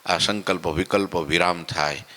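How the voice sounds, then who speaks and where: In a temple hall, a swami delivers a morning katha, a devotional sermon, in a folksy, conversational style, acting out devotees' complaints and asking "samajya?". His low voice is bright and forceful, with fairly even intonation and moderate pace, and a long hall reverb trails each phrase.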